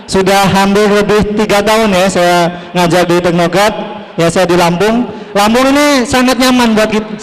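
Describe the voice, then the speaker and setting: A young man from Java performing a stand-up comedy set on a TV stage, telling stories with animated energy and acting out dialogue. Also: high-pitched. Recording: reverberant stage hall.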